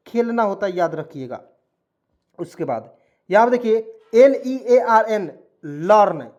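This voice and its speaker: Man spelling out a vocabulary lesson. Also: sits high. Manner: spells words out letter by letter and repeats meanings; keeps calling viewers friends and checking in. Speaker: English teacher.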